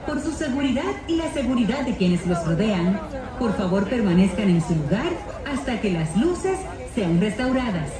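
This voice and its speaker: A woman giving a formal, courteous park announcement over a public loudspeaker. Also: medium pitch, sing-song, a little fast. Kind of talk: prerecorded public address announcement. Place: outdoor theme park crowd. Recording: distant echoey loudspeaker with loud crowd.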